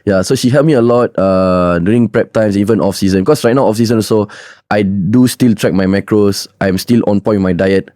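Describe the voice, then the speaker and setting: A man's voice: lowish voice, brisk, few pauses, dark tone, no echo, studio quality. A young man with a Singaporean or Malaysian accent chatting casually as a podcast guest in colloquial local slang English sprinkled with "lah". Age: young adult. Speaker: podcast guest, competitive bodybuilder.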